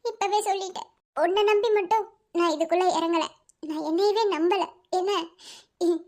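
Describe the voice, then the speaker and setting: Woman voicing a bold, determined young woman. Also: very high-pitched. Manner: firm, confident and reassuring.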